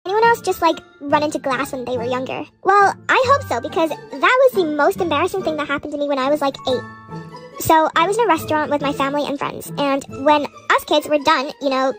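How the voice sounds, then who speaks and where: A woman's voice: high-pitched, fairly bright tone. A young woman ranting in a chatty, exasperated vlog monologue. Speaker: vlogger. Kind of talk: relatable storytime monologue.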